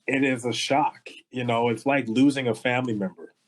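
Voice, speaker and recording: A man's voice: medium pitch, steady tone, moderate pace, rough recording. A man from the Los Angeles area co-hosting a podcast, speaking in a heartfelt and thoughtful way. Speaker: podcast co-host. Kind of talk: casual podcast conversation.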